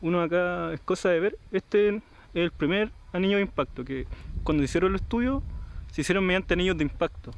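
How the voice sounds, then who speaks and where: A man's voice: high-pitched, brisk, creaky, slight background noise. A man from southern Chile, a local resident explaining plainly in a documentary interview.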